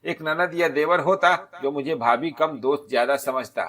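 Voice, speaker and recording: A man's voice: a little high, moderate pace, close to an everyday voice. A man voicing a caring young married woman who earnestly advises her friend like an elder sister, in a storybook narration. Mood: wistful. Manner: earnest, persuading, gently scolding.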